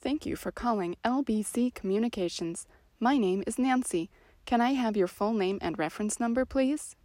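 A woman's voice: a little high, moderate pace, darkish tone, no room sound, natural voice. A woman playing a polite phone agent. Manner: polite, scripted customer-service tone. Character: polite female call center agent. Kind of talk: audiobook drama reading.

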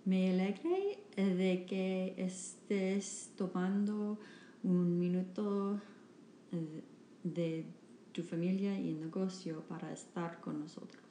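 A podcast host and interpreter reads a Spanish interpretation of a church talk, her voice on the low side and mellow. She speaks very slowly and haltingly, hesitating and restarting. The echoey room carries faint background noise.

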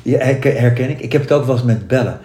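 A man's voice: medium pitch, fast, warm tone, roomy sound. A man co-hosting a podcast in casual chat, hesitant, with stammering restarts. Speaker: podcast co-host.

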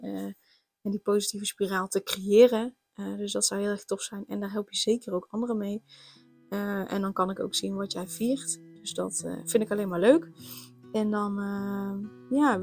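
A woman's voice: medium pitch, darkish tone, husky, no echo. A pregnant young woman, hosting a casual solo podcast, rambling with many fillers and restarts. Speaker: podcast host.

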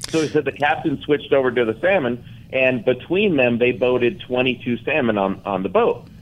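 A man telling a fishing story on a radio show, halting and full of fillers. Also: medium pitch, expressive, lo-fi sound, slight background noise. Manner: halting, many fillers and restarts. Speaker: freshwater fishing reporter.

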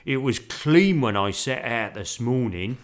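A man acts out a sour London cab driver from a children's storybook. He growls his grievances slowly and loudly, grudging every word. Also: medium pitch, expressive, natural voice. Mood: gruff. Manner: slow, grudging delivery. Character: gruff, bitter, grumbling male London taxi driver.

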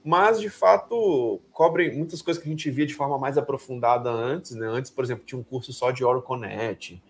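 A man's voice: mid-range voice, brisk, slight background noise. A man hosting a podcast interview, upbeat and chatty, often saying how great things are. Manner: upbeat, with frequent "que legal" and "show de bola". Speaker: podcast host. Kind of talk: casual interview chat.

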